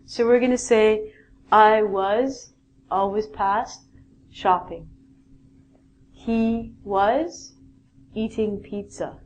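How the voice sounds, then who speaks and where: A woman talks to camera as an English teacher, speaking at an unhurried, deliberate pace. She patiently explains each grammar rule and models example sentences for her viewers. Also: mid-range voice, steady tone, a little mellow, a little hiss or hum. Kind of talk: online grammar lesson.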